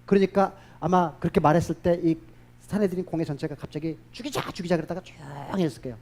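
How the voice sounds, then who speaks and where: In a voice that sits high, a male pastor preaches a sermon full of lively stories, acting out the voices of the people in them.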